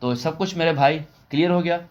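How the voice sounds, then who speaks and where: Male online English teacher from Pakistan, patient step-by-step explainer who repeats rules and slows right down for English phrases. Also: fairly high pitch. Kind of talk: online phonics lesson.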